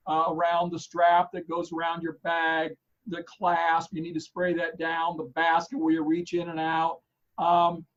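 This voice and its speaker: A man co-hosting a golf news show chats casually, his voice hoarse and fading, rambling with plenty of fillers and restarts. His pitch is fairly high, and the highs are cut off in the recording.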